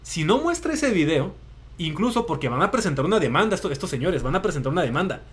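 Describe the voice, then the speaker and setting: Casting: young northern Mexican male host, high-pitched, slangy and animated. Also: fast talker. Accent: northern Mexican Spanish. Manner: slangy, animated storytelling with acted-out quotes. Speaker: show host. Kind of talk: casual live commentary.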